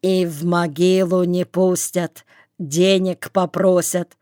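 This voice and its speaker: A woman voicing a blunt, hoarse, scornful old male weaver in an audiobook. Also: on the low side, little pitch movement, slow, dark tone, no room sound, clean studio sound. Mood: bitter.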